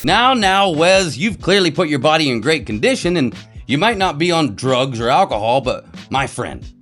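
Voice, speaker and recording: A man's voice: fairly high pitch, big pitch swings, moderate pace, a bit bright, faint music behind. A man hosting a podcast, giving mocking commentary with sarcastic, exaggerated swings. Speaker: podcast host.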